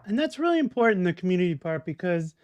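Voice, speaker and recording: A man hosting a podcast from home, chatting in a relaxed way and laughing easily. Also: sits high, fast talker, no echo. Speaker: podcast host. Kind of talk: casual podcast conversation.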